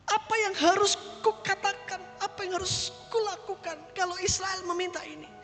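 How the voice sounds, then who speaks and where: Anxious stammering Moses, put on by a preacher; high and pleading, faint music under. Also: male voice, normal speed. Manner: stutters, high strained pleading. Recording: church hall reverb, faint music.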